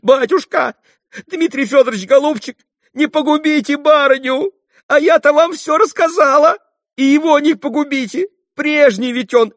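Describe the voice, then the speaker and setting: A man voicing a frantic young maidservant who pleads on her knees in a wailing, high-pitched voice, read in a dry studio. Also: no room sound, lightly acted.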